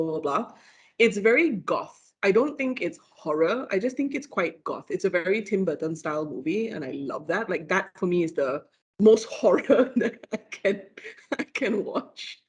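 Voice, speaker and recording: A woman's voice: lowish voice, slightly rough. Giggly Malaysian woman telling ghost lore. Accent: Malaysian English. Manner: animated, giggly, many "like" fillers. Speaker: guest lecturer. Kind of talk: casual podcast storytelling.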